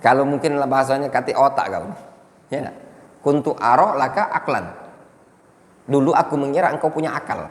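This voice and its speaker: Ustadz berlogat di aula masjid yang bergema. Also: male voice, medium pitch, expressive, quick pace. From Indonesia. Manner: explains Arabic texts line by line, jokes and quizzes the class. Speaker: ustadz teaching a mosque class. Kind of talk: religious lesson. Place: mosque hall. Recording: echoey mosque hall.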